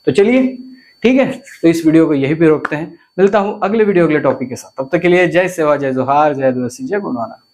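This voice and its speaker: A man teaching words, fairly high voice. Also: lively intonation, brisk, darkish tone. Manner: repeats words, asks viewers questions. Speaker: language teacher. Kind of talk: explaining vocabulary to viewers.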